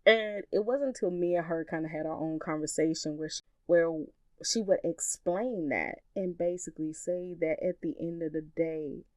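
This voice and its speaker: A woman with a fairly low voice hosts a solo podcast, talking earnestly and with emphasis in a relaxed, conversational way. The sound is dry and close, with no room around it. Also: moderate pace, no room sound. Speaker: podcast host.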